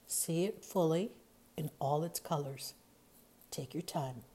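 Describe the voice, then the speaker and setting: A woman narrating a scripted guided meditation in a soothing, hypnotic, measured way, softening into breathiness at the ends of phrases. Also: low voice, husky. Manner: soothing, measured, hypnotic delivery with long pauses.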